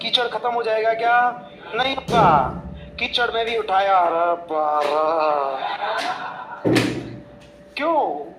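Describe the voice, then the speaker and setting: A man's voice: extremely high pitch, echoey room, noisy background. A young man, a coaching teacher, telling chatty, jokey anecdotes full of quoted dialogue to motivate his students.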